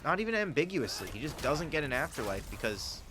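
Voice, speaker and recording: A man's voice: fairly high pitch, very animated, brisk. A man streaming a speedrun, giving casual, candid commentary that swears freely as he plays.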